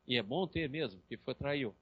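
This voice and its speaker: A man with a Brazilian Portuguese accent giving a live lecture, telling lively stories and acting out the voices of patients. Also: mid-range voice, moderate pace, breathy edge, no echo. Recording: dry, slightly dull lecture recording.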